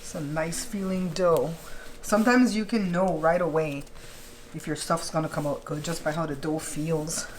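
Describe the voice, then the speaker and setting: A woman speaks in a slightly low voice, hosting a casual home cooking tutorial. She talks viewers through each step and checks that they follow. Noise sits behind her in the homemade indoor recording. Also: steady tone, moderate pace. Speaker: home baking host. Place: indoors at a kitchen counter. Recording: clearly noisy home recording.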